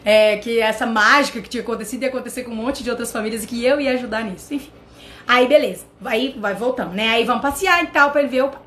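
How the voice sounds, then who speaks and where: A Brazilian woman with a Brazilian accent, hosting a channel and telling a personal story in an animated way, talking straight to her viewers. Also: on the high side, fast. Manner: animated, addresses viewers directly. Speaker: channel host.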